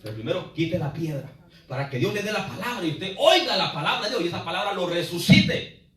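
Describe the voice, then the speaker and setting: A man pastor preaching a sermon, swinging between loud cries and low asides and often calling the congregation brother. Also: very animated, fairly quick, far from the mic. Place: church sanctuary. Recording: echoey church hall, preacher off the mic.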